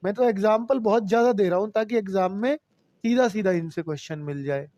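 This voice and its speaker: A man's voice: high-pitched, fairly quick, dark tone, no room sound, muffled recording. A man teaching Hindi grammar in a live online class, patiently repeating rules and addressing students as children.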